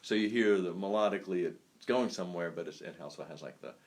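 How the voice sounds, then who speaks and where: A saxophonist talking through improvisation ideas in a casual, rambling lesson, full of fillers and restarts. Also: male voice, low voice, quick pace, soft background music. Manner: rambling and thoughtful, many fillers.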